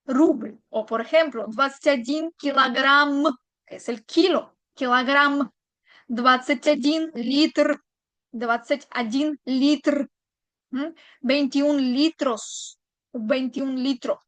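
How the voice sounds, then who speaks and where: A woman's voice: high voice, bright, forceful tone, dry recording. A woman teaching a language lesson online, explaining patiently step by step and checking in her viewers.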